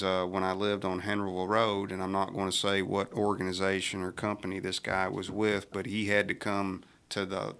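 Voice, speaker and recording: A man's voice: low voice, vocal fry, pushed and bright, clear, resonant tone. A middle-aged man, a sheriff on a radio talk show, telling rambling stories with many restarts. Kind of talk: casual radio chat, storytelling.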